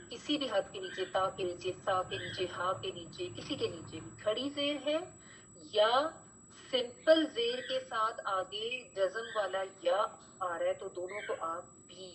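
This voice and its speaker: A woman leads an online Quran recitation lesson at a middle pitch, explaining rules patiently and repeating them. Her voice comes through a slightly muffled call with faint background noise. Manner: patient, repeats key points, frequent "theek hai" checks. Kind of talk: online class lecture.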